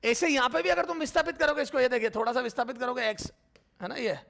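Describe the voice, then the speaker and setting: High gravelly male physics teacher. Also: steady tone, a bit bright. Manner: addresses students as beta, asks and answers their questions himself; repeats terms slowly while writing. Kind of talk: blackboard physics lecture.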